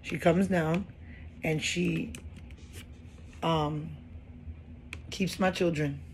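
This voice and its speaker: A woman in her thirties telling a personal story in a casual, animated way, often repeating phrases for emphasis. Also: low voice, extremely slow, a little hiss or hum.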